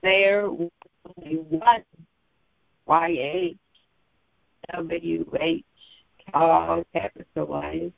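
Man, high voice, gravelly, very slow halting reading, glitching broken-up phone audio, dry tinny line. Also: no room sound. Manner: slow, halting, many fillers. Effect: glitching, breaking-up phone audio. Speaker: Bible study reader. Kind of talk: reading scripture and footnotes aloud. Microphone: phone held away from the mouth.

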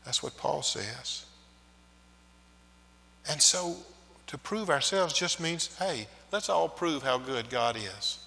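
A man, a pastor, leading liturgy and prayer in a measured way, his phrases trailing off quietly, with a long cathedral-like echo. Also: on the high side, lively intonation, vocal fry. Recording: long echoing reverb of a large church.

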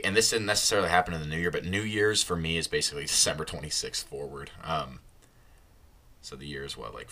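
A young man talks through a casual solo podcast. His voice sits low but has a bright edge. He rambles, restarts his sentences and laughs at his own slips. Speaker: podcast host.

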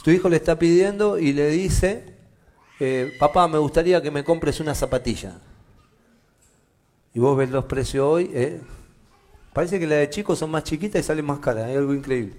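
A middle-aged man with a Rioplatense Spanish accent, preaching a conversational sermon to his congregation with jokes and loud, emphatic peaks. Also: on the high side. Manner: swings from quiet asides to loud emphatic preaching. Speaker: pastor. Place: church meeting room with a congregation.

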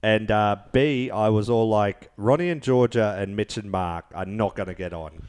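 A man's voice: on the low side, moderate pace, a little mellow, clean tone. A man co-hosting a podcast in playful, slangy, casual chat about television. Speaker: podcast co-host. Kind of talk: casual banter reviewing a TV show.

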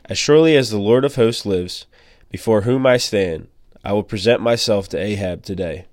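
A man reading the part of a stern, commanding male prophet in a measured, solemn way. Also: lowish voice, a little mellow, no echo, clean studio sound, close to an everyday voice.

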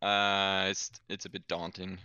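A man's voice: deep voice, level tone, unhurried, bright, forceful tone, smooth, no echo, muffled recording. A man chatting casually in a joking, playful way. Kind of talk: casual banter.

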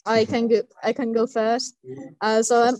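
A woman's voice: a little high, flat delivery, moderate pace, a little mellow, no room sound. A woman in her twenties from Finland, introducing herself on a panel. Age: 20s. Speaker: scout panelist.

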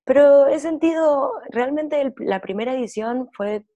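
A woman's voice: sits high, a little slow, highs cut off. A woman, a guest in an interview, telling stories animatedly and acting out her inner dialogue. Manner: animated storytelling, acts out inner dialogue, repeats phrases. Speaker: guest, women's workshop leader. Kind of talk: reflective conversational interview.

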